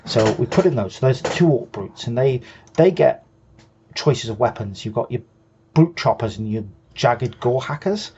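A man's voice: mid-range voice, lively intonation, moderate pace, darkish tone, muffled recording, a little hiss or hum. A man co-hosting a hobby show, patiently explaining game rules in casual chat and often restarting his sentences. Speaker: co-host.

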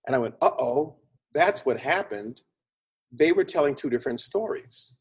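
A film producer and script consultant appears as an interview guest, chatting in a medium-pitched voice with a breathy edge. He explains ideas like a storyteller and acts out quotes.

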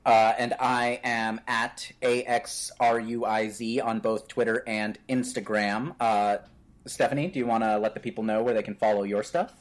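A man's voice: lowish voice, steady tone, normal speed. A man co-hosting a casual podcast, telling stories and joking. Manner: joking, storytelling. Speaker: podcast co-host.

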